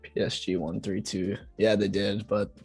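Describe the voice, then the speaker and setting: A laid-back man co-hosts a live stream, tossing out short, easy replies. His voice is on the low side, casual and unhurried. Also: little pitch movement, vocal fry, a little mellow, husky, soft background music. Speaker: co-host of a live trading stream.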